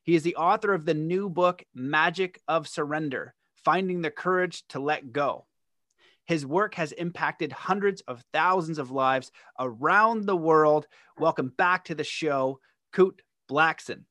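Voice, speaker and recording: A man's voice: fairly high pitch, a little slow, bright, forceful tone, no room sound, clean studio sound. A man hosting a podcast, talking in an earnest, promotional way with many fillers. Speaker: podcast host. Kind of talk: podcast intro and interview.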